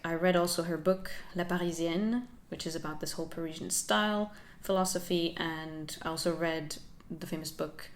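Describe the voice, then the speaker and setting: On her channel's casual talking-head vlog, a young Finnish-speaking woman reflects on her learning journey. Her voice is soft and slightly low, and light laughter runs through her talk.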